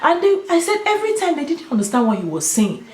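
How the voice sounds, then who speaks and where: Animated woman with an Igbo Nigerian accent. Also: very high voice, fast talker. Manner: emphatic, with Igbo interjections. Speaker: video host. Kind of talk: casual opinionated talk to viewers. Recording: roomy, echoing sound.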